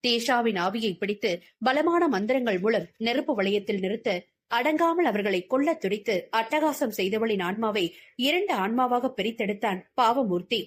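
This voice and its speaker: A woman's voice: fairly high pitch, expressive, moderate pace. A woman reading a novel aloud as an audiobook narrator with dramatic storytelling.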